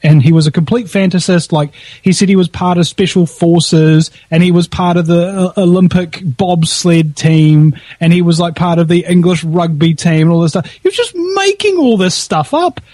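A man's voice: on the high side, level tone, normal speed, few pauses, dark tone, no echo. A man with a broad New Zealand accent chatting casually about politics in a sardonic, anecdotal way. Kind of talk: animated casual political chat.

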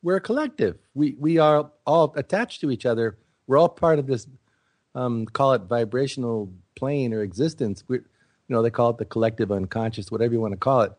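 A man speaking in casual, reflective conversation, earnest and rambling, often halting as he searches for words. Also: medium pitch, darkish tone, dry recording.

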